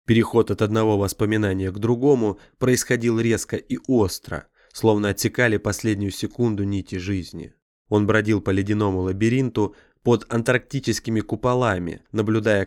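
A man reading a dark science fiction audiobook in a measured, grave storytelling manner. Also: fairly low pitch, no echo, clean studio sound. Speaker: audiobook narrator. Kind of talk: scripted dramatic narration.

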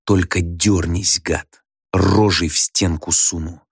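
A man voicing an irate, hot-tempered male geography teacher who barks and shouts at a pupil, in an audiobook. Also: high voice, big pitch swings, unhurried, pitched above the performer's own voice, exaggerated voice. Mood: menacing. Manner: barking, shouting. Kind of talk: audiobook character voice.

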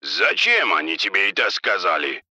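A man's voice: low-pitched, huge pitch swings, moderate pace, sharp tone, no room sound, exaggerated voice. A man voicing an angry drug boss who speaks harshly and menacingly.

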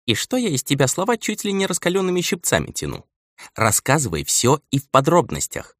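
A crusty old steward, patient until he snaps into a stern scolding, as a male narrator puts him on. The delivery swings widely in pitch and sits in a dry, close sound. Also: wildly swooping pitch, fairly quick, a bit bright, no room sound, heavily acted. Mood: impatient. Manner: nagging, lecturing elder.

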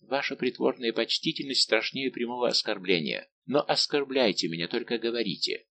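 A man's voice: medium pitch, brisk, sharp tone, a little hiss or hum. A man reading an audiobook, voicing a proud, jealous young royal princess with an imperious manner. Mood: haughty. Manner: imperious, then pleading.

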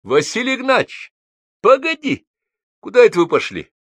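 A man's voice: extremely high pitch, huge pitch swings, normal speed, fairly bright tone, slightly rough, no room sound, pitched above the performer's own voice, full character voice. A male reader voicing an exasperated, harried man who keeps protesting.

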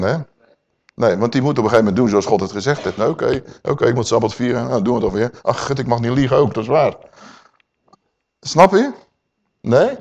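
A man preaching a Bible teaching sermon, talking to his listeners in a conversational way, asking them questions and slowing down to read verses aloud. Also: medium pitch, a little mellow, highs cut off.

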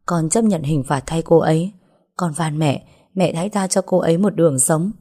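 A woman's voice: low voice, normal speed, warm tone. A woman voicing a loyal young adopted daughter pleading for mercy.

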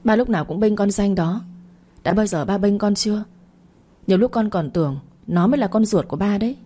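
A woman's voice: mid-range voice, fairly quick, dark tone, close to an everyday voice. A woman voicing a jealous, spoiled young daughter who talks in a whiny, spiteful way.

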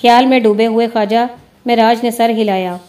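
A woman narrating a novel in a steady reading voice. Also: a little high. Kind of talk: storybook narration.

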